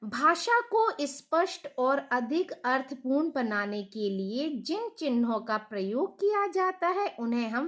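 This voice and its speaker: A woman's voice: on the high side, fairly bright tone. A middle-aged woman teacher giving a patient grammar lesson to children, asking questions and repeating the key points.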